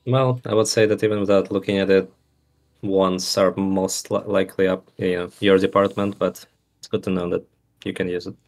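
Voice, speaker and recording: Dude playing a tabletop rpg, kinda low gravelly voice, casual chat. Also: male voice, level tone, moderate pace. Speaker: tabletop game player.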